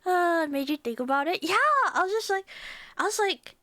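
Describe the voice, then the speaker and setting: A woman's voice: very high voice, lively intonation, a little fast, a bit bright, no room sound. A woman chatting to viewers as a livestream host, with a cute, bubbly anime-streamer manner and a playful, rambling way of talking. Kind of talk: livestream casual chat with viewers.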